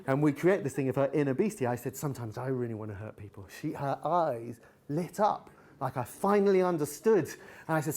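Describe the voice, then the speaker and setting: Candid man telling stories. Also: high-pitched. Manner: candid storytelling, animated retellings. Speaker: guest speaker. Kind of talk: live talk with audience chat.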